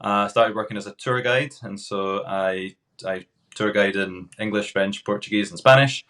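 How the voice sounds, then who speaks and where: A Scottish man from Glasgow in his thirties, a guest chatting casually in an interview, relaxed with hesitant pauses. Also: fairly low pitch. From Scotland, Glasgow. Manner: relaxed, unhurried, frequent hesitant fillers. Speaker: podcast guest, tour guide.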